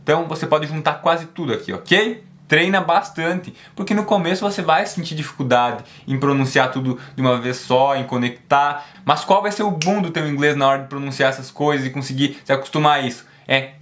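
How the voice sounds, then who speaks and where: A man's voice: a little high, a bit bright. Emphatic man drilling pronunciation. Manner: drills words slowly and repeats them; emphatic, encouraging. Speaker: English teacher. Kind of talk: online language lesson.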